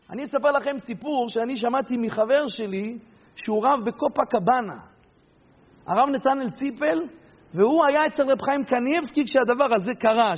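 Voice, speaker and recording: A man preaching a sermon and telling stories, acting out the people in them with animated delivery. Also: extremely high pitch. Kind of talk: sermon with storytelling. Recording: dull recording with long hall reverb.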